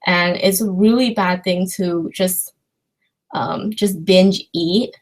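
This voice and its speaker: This young adult Chinese woman talks slowly in a fairly low-pitched voice. As a livestream host, she answers her viewers' questions informally, rambling and pausing hesitantly.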